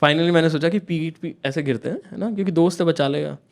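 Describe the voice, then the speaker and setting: Fast-talking with vocal fry and a voice on the high side, this young stand-up comedian from India tells a story, chatting with and regularly checking in on the audience. He acts out scenes as the crowd laughs.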